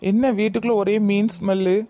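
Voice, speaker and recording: A woman voicing an elderly, mildly stern father-in-law with a Tirunelveli Tamil accent in a cartoon, speaking slowly and in a measured way. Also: mid-range voice, steady tone, muffled recording, natural voice. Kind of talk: cartoon voice acting.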